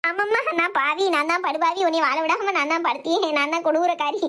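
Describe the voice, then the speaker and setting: A woman's voice: racing, fairly bright tone. A woman voicing a scolding, self-pitying older mother-in-law in a cartoon, with a Thoothukudi Tamil accent and a wailing, nagging way of talking. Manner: shrill nagging, wailing complaints. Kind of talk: cartoon voice acting.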